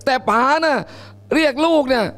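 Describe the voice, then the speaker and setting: Male religious lecturer with a very high voice and a playful, theatrical delivery, recorded in a mosque hall with a long echo. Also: normal speed. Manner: lively, joking, acts out mothers and babies. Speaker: Islamic lecturer. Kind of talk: colloquial Quran commentary lecture.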